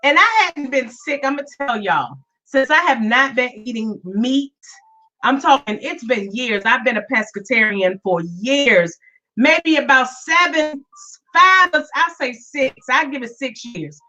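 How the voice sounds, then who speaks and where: On a casual live stream of her own podcast, a woman welcomes listeners by name and tends to repeat herself while her voice recovers from sickness. She speaks unhurriedly in a high, expressive voice with a sharp tone. The sound is dull lo-fi and somewhat far away.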